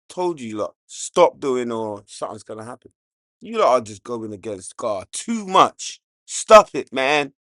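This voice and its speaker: A man from hosting a casual commentary show, loose and joking, jumping from low mutters to loud outbursts. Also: no echo, studio quality. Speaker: show host.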